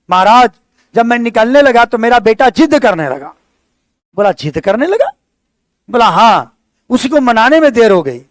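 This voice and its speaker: High-voiced, animated male teacher. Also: no room sound. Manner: animated storyteller, asks the class questions. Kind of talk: classroom lesson with storytelling.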